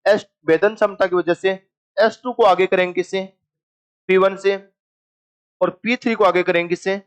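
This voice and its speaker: Casting note: male teacher with a high voice, quizzing a classroom and playfully coaxing answers out of students. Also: fairly even intonation, moderate pace, smooth. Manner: asks students questions and answers them himself. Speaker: chemistry teacher. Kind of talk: classroom lecture.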